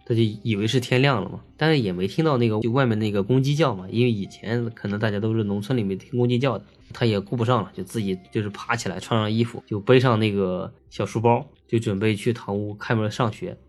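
Fast-talking man telling ghost stories. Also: fairly low pitch. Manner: chatty, filler-heavy, lively. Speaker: storyteller. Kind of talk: casual ghost-story telling.

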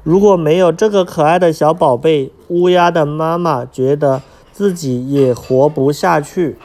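Man, storyteller, children's picture book, asks listeners questions, slightly high voice. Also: unhurried, a little mellow.

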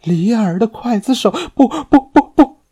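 A man voicing a terrified, cornered scheming woman who stammers in high, shrill panic. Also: animated, unhurried, mellow, breathy edge, exaggerated voice. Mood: screaming.

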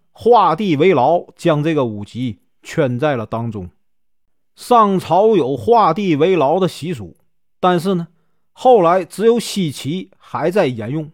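A man's voice: on the high side, no room sound, studio quality. A male storyteller with a Northeastern Mandarin accent, telling a classic tale in a chatty, folksy way. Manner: chatty, many drawn-out filler particles.

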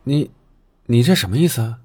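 Woman doing a low, coaxing young husband. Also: lively intonation, brisk, slightly rough, no echo, full character voice. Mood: defensive. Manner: gentle, coaxing. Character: doting young husband, soft-spoken, quietly sinister.

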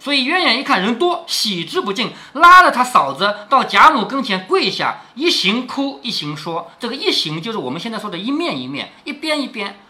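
A man talking through a classic novel for his daughter, pausing to explain old words and tossing in rhetorical questions as he goes. His voice is bright and clear, and his pitch rises and falls a great deal. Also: big pitch swings. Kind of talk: explanatory storytelling.

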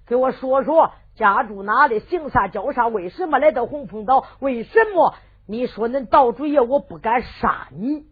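A woman with a Henan accent voicing an arrogant male bandit chief who shouts and scolds in sung storytelling. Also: fairly high pitch, expressive, moderate pace, slightly rough. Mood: indignant. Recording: tinny lo-fi recording with faint fiddle music.

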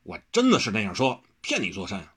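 A man voicing a big, dim-witted but good-natured brawler who talks in a slow, dopey, easygoing way. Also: fairly low pitch, huge pitch swings, fairly bright tone, husky, full character voice.

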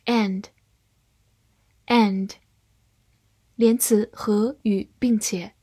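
Slow, husky woman teaching vocabulary. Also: mid-range voice, fairly even intonation, warm tone. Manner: slow, clear word-by-word drilling. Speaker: English teacher. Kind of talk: vocabulary lesson.

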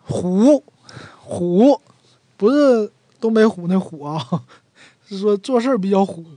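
A speaker from Northeast China, explaining dialect words in a chatty Northeastern Mandarin accent at an ordinary, middle pitch. The sound is close and dry, with almost no room around the voice. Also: expressive, slow pace, dark tone, no room sound. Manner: chatty, acts out everyday sample phrases. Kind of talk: casual explanatory talk.

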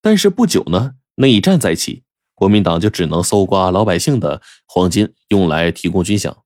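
A man telling a traditional serialized story in a chatty, animated way, turning to the listeners with asides. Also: sits low, normal speed, dry recording, clean studio sound.

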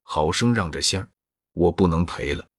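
A man's voice: deep voice, expressive, normal speed, husky, no room sound, clean studio sound. A man reading a commanding young noblewoman. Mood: teasing, commanding.

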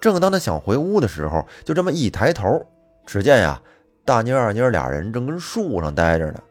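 Lively storyteller man. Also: mid-range voice, fairly quick. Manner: lively colloquial storytelling with fillers. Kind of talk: folk tale narration. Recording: faint music behind.

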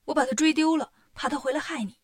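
A woman voicing a bold, quick male monkey hero who talks in a brisk, commanding way. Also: sits high, lightly acted.

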